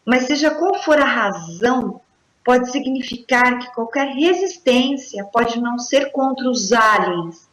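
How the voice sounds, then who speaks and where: Slow-reading woman, echoey room. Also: a little high. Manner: slow, deliberate read-aloud delivery. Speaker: co-host. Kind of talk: reading commentary on a paranormal talk show. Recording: roomy echoey sound.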